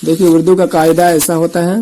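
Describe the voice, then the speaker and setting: Guy teaching kids urdu letters, kinda high mellow voice, says each letter slow and patient. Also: flat delivery, poor audio. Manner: patient, repeats letter names slowly, then quicker explanations. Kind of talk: slow letter-by-letter reading lesson.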